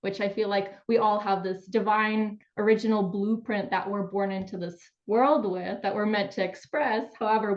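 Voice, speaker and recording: A woman's voice: medium pitch, muffled recording. A woman from Ukraine, a somatic therapist and coach, telling her story openly as a guest on a call-in interview. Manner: candid, open storytelling.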